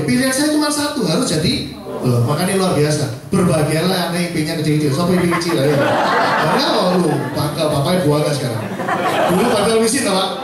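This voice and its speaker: A man giving a motivational talk to a class, joking and poking fun at himself. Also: sits high. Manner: joking, self-mocking, lively with laughs. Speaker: motivational speaker. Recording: echoey room, far from mic.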